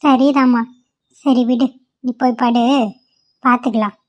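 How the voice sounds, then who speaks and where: A woman's voice: a little high, level tone, unhurried, no room sound, lightly acted. A woman voicing a caring, consoling middle-aged mother-in-law in a cartoon, on a dull lo-fi recording. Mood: soothing. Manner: soothing, consoling.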